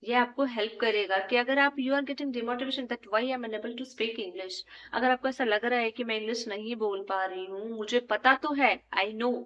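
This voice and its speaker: A woman's voice: on the high side, measured pace, few pauses, a bit bright, dull audio. A woman teaching English in a casual spoken lesson, switching between Hindi and English and often checking in with a questioning "hmm?".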